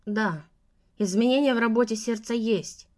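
A woman voicing a calm elderly male doctor who explains things in a measured, reassuring way. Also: a little high, lightly acted.

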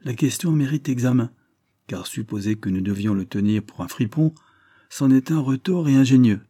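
A man's voice: medium pitch, animated, moderate pace, dark tone, husky, no echo. A man reading the part of a shrewd, sardonic male detective who talks in a dry, probing, lightly ironic way. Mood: skeptical.

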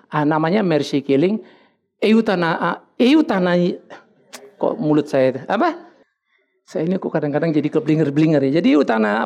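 A man's voice: sits high, creaky, a little mellow. A man preaching a sermon as a pastor, joking and slipping English words into his talk.

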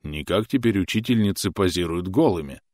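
A calm, sly working father, voiced by a male narrator, deadpan and unhurried. His voice sits very low, and the recording is dry and close. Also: no echo.

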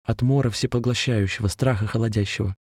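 A man's voice: medium pitch, steady tone, fast talker, darkish tone, slightly rough, dry recording, close to an everyday voice. Man voicing a young ex-soldier, feverish, fervent, preachy, dry recording. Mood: earnest, fervent.

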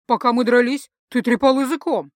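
A woman's voice: mid-range voice, moderate pace, no echo, clean studio sound, lightly acted. A woman voicing a male werewolf. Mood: indignant. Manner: pensive, then indignant. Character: fastidious male werewolf warrior.

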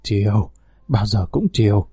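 A man voicing a doting male lover who answers in a low, soothing way. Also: sing-song, moderate pace, mellow, dry recording, studio quality.

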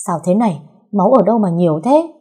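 A woman voicing a gruff, exasperated young husband in a story. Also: mid-range voice, animated, fast talker, dark tone. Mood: alarmed.

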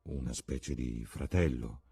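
A man's voice: rumbling low, unhurried, warm tone, husky, soft background music, heavily acted. A man voicing a witty, cynical young aristocrat in an audiobook, with a languid, ironic delivery.

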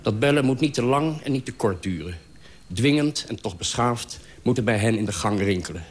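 A man's voice: mid-range voice, lively intonation, normal speed. A man reading out a humorous, self-mocking radio column in a dry, wry manner.

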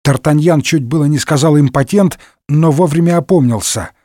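A man narrating a comic parody story with wry, lively storytelling. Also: fairly high pitch, moderate pace, no echo, clean studio sound.

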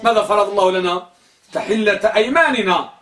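A man's voice: high-pitched, a little fast, a bit bright. A man giving a religious lesson, asking his listeners questions and repeating key words to drill their pronunciation. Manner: corrects pronunciation by drilling word forms. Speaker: religious teacher. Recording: echoey room, distant mic.

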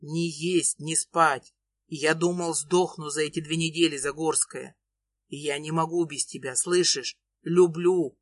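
A woman's voice: fairly even intonation, measured pace, no echo. A woman playing a growling young lover. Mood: pleading. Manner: low pleading growl. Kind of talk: audiobook reading.

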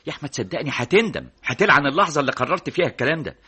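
An actor with an Egyptian accent playing an anxious, meek young student who pleads and apologizes, in a classic radio drama. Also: male voice, fairly low pitch, sing-song, very fast, fairly bright tone, husky, heavily acted. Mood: pleading. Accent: Egyptian Arabic. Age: young adult. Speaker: student son.

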